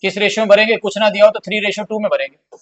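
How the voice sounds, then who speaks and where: A man's voice: sits high, level tone, quick pace, a bit bright, muffled recording. A man teaching accounts in a classroom lecture style, repeating key points and mixing in terms. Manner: repetitive, drills points, acts out pleading partners.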